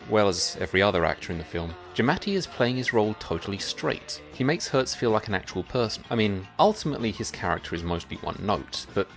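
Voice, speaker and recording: A man's voice: fairly low pitch, lively intonation, fast, creaky, few pauses, fairly bright tone, faint music behind. A man co-hosting a scripted film review show, reading his part with a dry, wry delivery.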